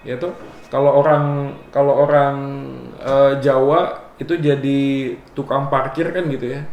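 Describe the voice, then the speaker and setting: A man giving a relaxed, conversational Bible exposition sermon, joking often and adding "ya" after his phrases. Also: mid-range voice, roomy sound. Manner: casual and joking, often adds "ya". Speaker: preacher.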